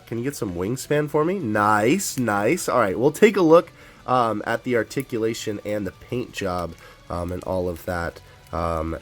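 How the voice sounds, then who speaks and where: A man of middling pitch hosts a casual toy unboxing, so excited that he trips over his words and laughs often. Soft music sits faintly behind his voice.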